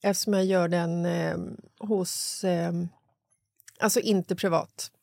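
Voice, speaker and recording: A woman hosting a podcast in casual chat, an animated storyteller who acts out dialogue and swears freely. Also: on the low side, creaky, dry recording, clean studio sound. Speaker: podcast host.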